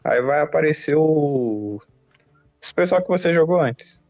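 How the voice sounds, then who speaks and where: A man's voice: a little high, unhurried. A Brazilian man streaming a mobile game, chatting casually in slang with frequent restarts. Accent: Brazilian Portuguese. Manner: relaxed slangy talk with many restarts. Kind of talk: casual gaming chat. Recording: dull lo-fi mic with game music.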